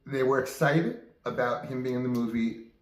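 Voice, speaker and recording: In a roomy-sounding recording, a mid-range male voice moves at a moderate pace as the host of his own game show. He improvises stories for viewers casually, rambling and often breaking off to start again.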